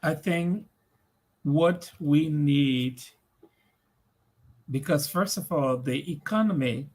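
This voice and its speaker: Slow, measured Liberian man. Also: mid-range voice. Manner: slow, measured, with many "uh" pauses. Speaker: guest, community leader. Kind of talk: interview answers.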